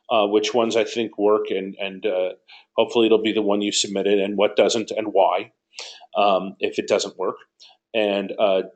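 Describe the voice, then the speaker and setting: Man in a teaching Q&A. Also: medium pitch. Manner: conversational, repeats key points for emphasis. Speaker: course director. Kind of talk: live Q&A teaching session.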